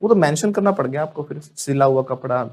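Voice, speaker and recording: A man teaching spoken English to a live class. He drills students with call-and-response prompts and slows right down on the model English phrases. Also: on the high side, expressive, darkish tone.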